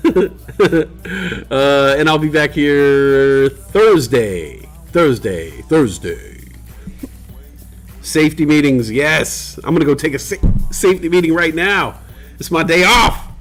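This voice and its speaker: Speaking into a desk mic, a livestream host has the hiccups as he chats loosely with viewers, laid-back and heavy on fillers. His voice is a little high, with a fairly bright tone.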